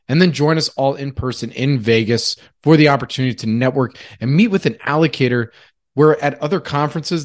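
A man hosting a podcast, reading intros and brisk disclaimers in a scripted announcer style. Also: mid-range voice. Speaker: podcast host.

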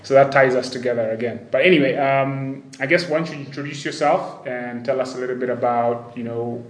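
A man's voice: medium pitch, fairly even intonation, fairly quick. Male podcast host, echoey room. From Kenya. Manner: informal, searches for words with repeated starts. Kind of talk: casual interview. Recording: roomy echo, faint background noise.

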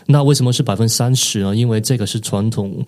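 A man, an author and podcast guest, explaining his ideas thoughtfully with frequent pauses. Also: lowish voice, darkish tone. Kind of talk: podcast interview.

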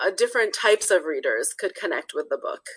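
Female author guest from Nepal, lowish voice, thoughtful and conversational, lots of restarts. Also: very animated, a little fast, a bit bright, slightly rough, low-quality recording. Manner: thoughtful, with frequent restarts and "you know". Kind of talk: casual interview talk.

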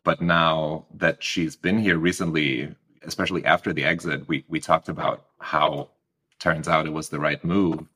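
A man's voice: rumbling low, fairly even intonation, normal speed, sharp tone, slightly rough. A man in his thirties from Germany with a heavy German accent, talking reflectively as an interview guest and often restarting his sentences. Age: 30s. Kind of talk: casual interview talk.

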